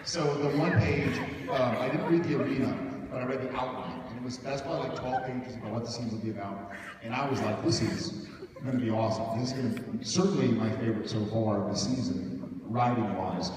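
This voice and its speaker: A man's voice: medium pitch, fairly quick. A man chatting on a fan convention panel, playful and rambling as he explains things. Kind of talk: casual joking panel talk. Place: large convention hall. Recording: echoey hall from far off, very noisy.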